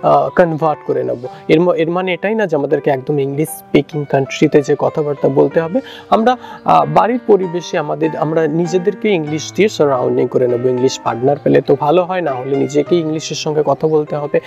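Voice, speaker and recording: A man whose first language is Bengali, teaching spoken English in a relaxed, casual way with many fillers and restarts. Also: fairly high pitch, fairly quick, gravelly, muffled recording, soft background music. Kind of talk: casual instructional talk.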